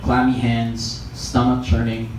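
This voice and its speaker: At a live literary event, a man with a Filipino accent narrates scripted fiction in a mid-range, slightly mellow voice with completely flat delivery and a measured pace. The mic is distant, and the echoey room is clearly noisy.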